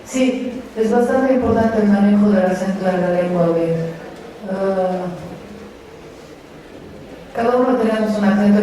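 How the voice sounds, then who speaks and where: A woman's voice: mid-range voice, warm tone. A woman whose first language is Romanian, a conference interpreter speaking as guest at a university talk, explaining at length with restarts and tag questions. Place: university lecture hall. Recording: very echoey hall, distant, faint noise.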